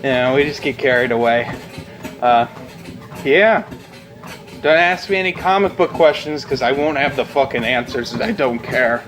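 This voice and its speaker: A man's voice: medium pitch, moderate pace. A young man chatting casually and bluntly while walking on a treadmill, rambling and swearing freely as a video blogger. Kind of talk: casual unscripted chat to camera.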